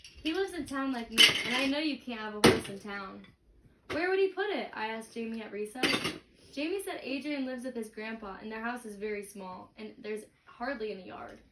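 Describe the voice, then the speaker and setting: Reading expressively to a child as if teaching a read-aloud lesson, a woman goes through a picture book at normal speed in a fairly high voice. The mic is distant and the room echoes, with clicks and noticeable noise.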